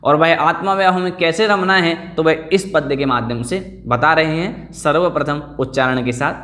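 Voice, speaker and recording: A man's voice: a little high, normal speed, sharp tone. A man teaching an online scripture class, explaining verse after verse and drilling the pronunciation of each word.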